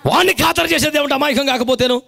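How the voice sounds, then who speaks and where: A man's voice: extremely high pitch, quick pace, vocal fry, pushed and bright. A male pastor with a Telugu accent preaching a fervent sermon in a colloquial style, urging the congregation to respond aloud. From India. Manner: colloquial, dramatizing biblical characters in everyday speech.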